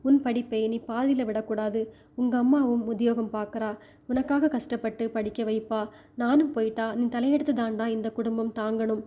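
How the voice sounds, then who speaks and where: A woman's voice: fairly high pitch, steady tone, moderate pace, dark tone, lo-fi sound, natural voice. A woman reading as a weary, heartbroken father. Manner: tired, pleading.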